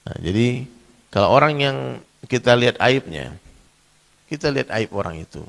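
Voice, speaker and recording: A man preaching a sermon in a mosque, animated, often clearing his throat and addressing listeners directly. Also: mid-range voice, big-room sound. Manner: animated, addresses listeners as Pak, acts out quoted voices. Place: mosque hall.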